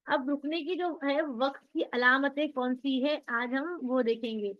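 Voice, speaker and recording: In an online class, a woman with a high, fairly even voice teaches the rules of Quran recitation at a slightly slow pace. She explains patiently, posing questions and answering them herself. The audio is dull and lo-fi.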